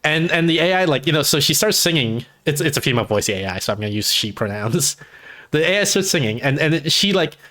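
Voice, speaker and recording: A man's voice: on the high side, lively intonation, quick pace, sharp tone. A man hosting a live stream, chatting casually and rambling, full of restarts and fillers. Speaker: streamer host. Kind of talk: casual chat.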